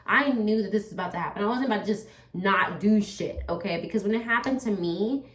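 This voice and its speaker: Fairly quick and medium-pitched, this woman rambles casually to her viewers while putting on makeup. She calls them "you guys" and says "like" and "you know" a lot. The vlog sounds off-mic in a room with echo.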